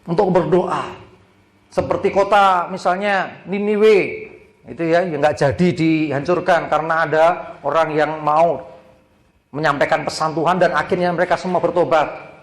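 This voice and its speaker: Male preacher, fairly high voice, dramatic storyteller, roomy church sound. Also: steady tone, normal speed. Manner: dramatic storytelling, shifting between hushed prayer and loud exhortation. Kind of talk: sermon with personal testimony. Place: church hall.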